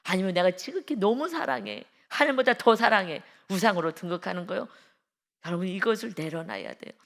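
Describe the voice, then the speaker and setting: A woman pastor giving an early-morning devotional sermon, emphatic, swinging between loud exclamations and hushed asides and tagging phrases with a drawn-out polite ending. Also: mid-range voice, lively intonation, gravelly.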